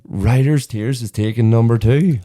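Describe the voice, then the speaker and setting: A man's voice: mid-range voice, normal speed, dark tone. A young man co-hosting a podcast, chatting casually and laughing often as he jokes. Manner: joking, laughs often in banter. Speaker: podcast co-host. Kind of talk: casual chat.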